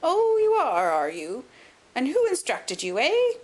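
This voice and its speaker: Miserly old nobleman played by a female narrator, high and crackly, querulous, indignant, swooping storybook delivery. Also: wildly swooping pitch, full character voice. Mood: querulous, challenging. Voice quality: sharp crackle. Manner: quick, intense, indignant. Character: querulous, miserly little old lord, sharp and twitchy. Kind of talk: audiobook character acting.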